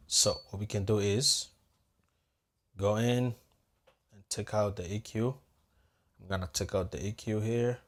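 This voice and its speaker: A man giving a hands-on audio tutorial, talking casually to viewers and thinking aloud as he adjusts the equipment. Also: lowish voice. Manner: talks straight to viewers as "guys". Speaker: audio-visual technician.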